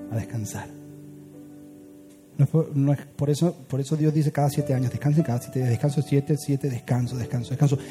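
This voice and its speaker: A man preaching a sermon as a pastor, swinging from loud urgent build-ups to hushed, quiet lines. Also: medium pitch.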